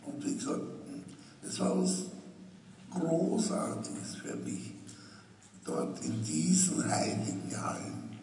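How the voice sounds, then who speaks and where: An older man from Vienna with a breathy, rough voice, talking slowly and thoughtfully on stage in a large exhibition hall. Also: high-pitched, lively intonation, mellow, slight background noise. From Vienna, Austria. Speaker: artist being interviewed. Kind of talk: slow, reflective conversation on stage. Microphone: headset mic. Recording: roomy hall sound from a distant camera.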